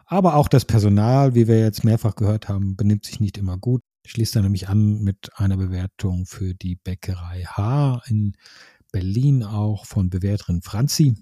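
Man co-host with a low, mellow voice and dry wit, with faint music behind. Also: moderate pace, dry recording. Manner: dry, wry remarks. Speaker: podcast co-host. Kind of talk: casual chat, reading out reviews.

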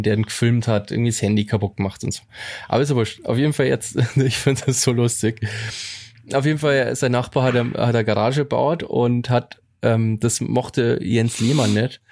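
A man co-hosting a relaxed podcast and telling stories in a loose, slangy way, with English words slipped in. His voice has a gravelly fry at a middling pitch. The recording is dry and close to the mic. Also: a little fast, no room sound. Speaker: podcast co-host. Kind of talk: casual chat.

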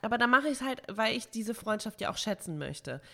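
A woman's voice: on the high side, expressive, a little fast, vocal fry. Female podcast co-host, candid and thoughtful, talks things through. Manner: frank, reflective, weighing things out loud. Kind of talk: casual chat.

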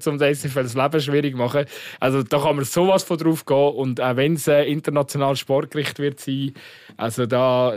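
Higher-voiced Swiss man chatting casually. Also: dry recording, studio quality. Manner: colloquial, rambling. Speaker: podcast host. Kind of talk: casual football chat.

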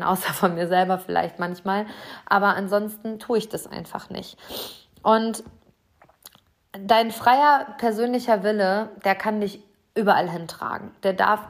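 A woman speaks directly to her listener in a motivational talk. She sounds earnest and direct, and she drops her pace to press home her key questions. Her voice sits at an ordinary middle pitch for a woman.

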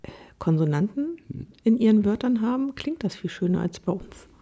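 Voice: mid-range voice, expressive, normal speed, warm tone. A podcast co-host in casual chat, who agrees often and mixes up words.

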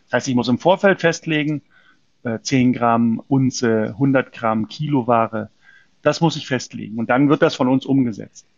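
A man's voice: mid-range voice, moderate pace, creaky, dry recording, dull audio. A man from a precious metals company answering interview questions in an explanatory way, often hesitating with fillers and restarts.

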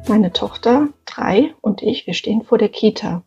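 Husky dark-voiced woman on a dull recording. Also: mid-range voice, moderate pace, soft background music. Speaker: listener sending a voice message; mother of a three-year-old. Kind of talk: casual spoken anecdote.

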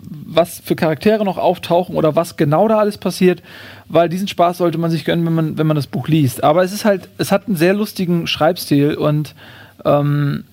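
A man's voice: on the high side, normal speed, a little mellow, no echo. A man casually presenting a book and reading from it, speaking with many hesitations.

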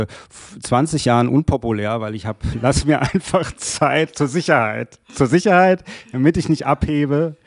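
A male interviewer chatting casually, often answering with quick agreement. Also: mid-range voice, vocal fry, no echo, studio quality. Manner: relaxed, with frequent backchannel "ja, ja". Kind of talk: interview conversation.

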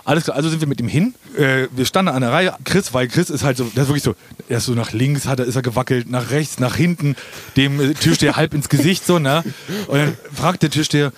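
A man's voice: mid-range voice, fast, dry recording. A man telling an anecdote in a casual podcast chat, hesitant with many fillers. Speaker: storyteller guest.

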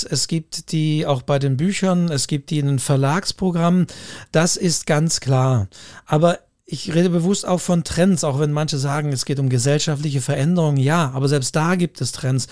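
A man's voice: a little high, a little mellow, dry recording, studio quality. A man co-hosting a podcast, talking things through in a thoughtful, hedging way and often repeating his phrases. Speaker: podcast co-host. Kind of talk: casual discussion.

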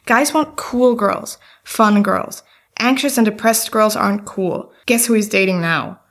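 A woman's voice: mid-range voice, natural voice. An actress playing an anxious, heartbroken young woman in an audio drama, speaking in a self-deprecating, apologetic way. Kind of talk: scripted audio drama dialogue.

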